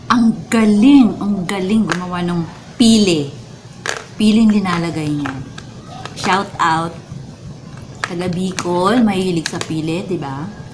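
Clear background noise surrounds a Filipino woman with a slightly low voice. She chats casually to her viewers in a mukbang eating vlog, savouring the food as she talks. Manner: chatty, addresses viewers directly. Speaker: vlogger.

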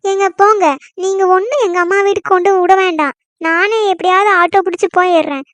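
A woman's voice: extremely high pitch, steady tone, moderate pace, no echo. A woman voicing a scheming young wife in a cartoon comedy, plotting in sly asides and putting on tearful complaints. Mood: aggrieved. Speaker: daughter-in-law.

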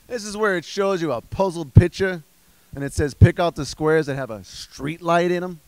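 A man's voice: on the high side, no room sound, low-quality recording. A man doing stand-up comedy, exasperated and ranting through strings of rhetorical questions.

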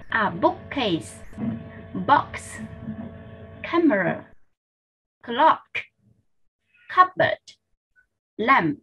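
A Vietnamese-accented woman teaching English, her voice fairly high and a little husky, patiently repeating each sound for young learners. The recording sounds dull and lo-fi. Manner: patient, slow and clear, repeating sounds for children. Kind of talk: online vocabulary lesson.

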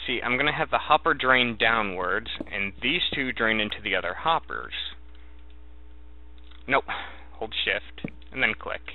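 The sound is narrow and tinny, like a phone line. A man with a mid-pitched voice talks slowly through a casual let's play. He thinks aloud in a halting way as he narrates his own game. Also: animated.

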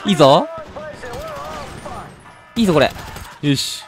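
A man giving chatty, excitable let's-play commentary while playing a video game, laughing often. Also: fairly high pitch, slow pace, faint music behind. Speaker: game streamer.

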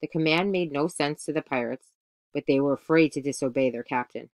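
A woman teacher reading a children's story aloud, expressive, now and then correcting a slip. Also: deep voice, a little fast, no echo. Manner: expressive, occasional self-corrections.

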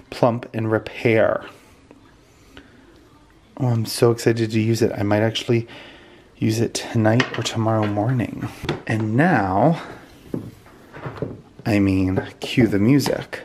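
An American vlogger in his thirties, chatty and casual, records indoors at home on a handheld phone or camera at arm's length. His mid-range voice is congested and giving out from a cold, and the background is noisy.

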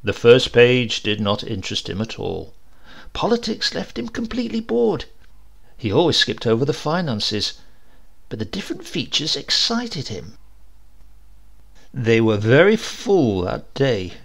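Gravelly and medium in pitch, a man's voice carries a literary short story as audiobook narration. The storytelling is expressive but kept measured.

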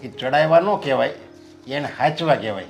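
A man's voice: medium pitch, lively intonation, normal speed, gravelly, soft background music. An actor playing a stubborn, traditional middle-aged father who lectures his son firmly about marriage and family. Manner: firm, lecturing, proverb-like reasoning.

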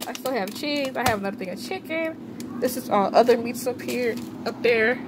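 A woman's voice: on the high side, lively intonation, normal speed, noisy background. A young woman vlogger casually walking through her grocery haul in her kitchen, chatting to viewers with fillers and "y'all", filmed on a handheld phone. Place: home kitchen, indoors.

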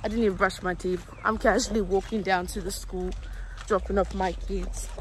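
A woman's voice: medium pitch, steady tone, normal speed. A young adult woman talks casually to her vlog viewers. Her manner is informal and a little drowsy, with a mid-range voice. The handheld phone recording carries faint background noise. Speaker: vlogger. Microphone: phone at arm's length. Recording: noisy handheld phone recording, ambient sounds.

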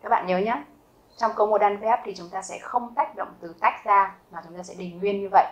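Woman teaching German grammar calmly. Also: mid-range voice, lo-fi sound. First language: Vietnamese. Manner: repeats example sentences slowly and carefully; asks learners rhetorical questions. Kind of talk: explanatory grammar lesson.

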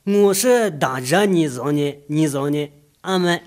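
A man with a fairly high voice delivers film dialogue in slow, unhurried phrases. He calls out his lines in an exclamatory way and keeps a measured pace throughout. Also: animated, darkish tone.

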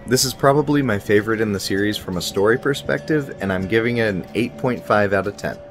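A young man with a lowish voice talks fast, presenting a scripted video game review articulately and presentationally, with music playing behind him.

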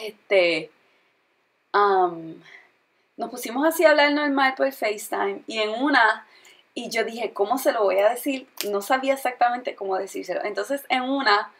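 A young woman chatting casually through a storytime vlog, retelling things in an animated way with lots of fillers. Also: on the high side. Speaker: vlogger.

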